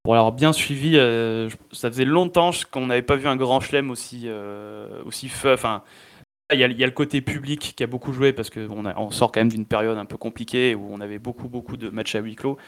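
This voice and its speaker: Clear-voiced hesitant man chatting. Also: medium pitch, steady tone, a little fast. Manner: hesitant, many restarts and fillers. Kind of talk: casual tennis chat.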